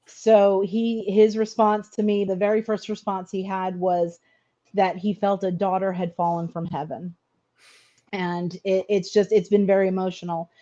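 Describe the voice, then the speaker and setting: A woman's voice: mid-range voice, flat delivery, normal speed, mellow, lo-fi sound. A middle-aged woman telling a personal story in an interview, earnest and hesitant, often repeating words as she goes.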